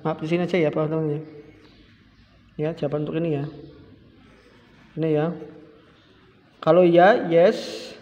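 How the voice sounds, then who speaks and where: A male primary school teacher, explaining a lesson in a relaxed, chatty way and repeating examples slowly. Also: fairly high pitch. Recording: dull lo-fi sound with long reverb.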